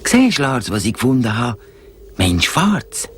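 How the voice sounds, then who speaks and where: A man voicing a young male polar bear cub in a cartoon, sulky and carefree, with a relaxed drawl. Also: mid-range voice, unhurried, a little hiss or hum, pitched above the performer's own voice. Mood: teasing. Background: cartoon music.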